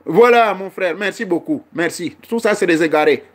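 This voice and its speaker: A man's voice: high voice, moderate pace. Middle-aged male spiritual teacher, preaching style, emphatic, keeps prodding the audience with questions. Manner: emphatic, asks the audience frequent rhetorical questions.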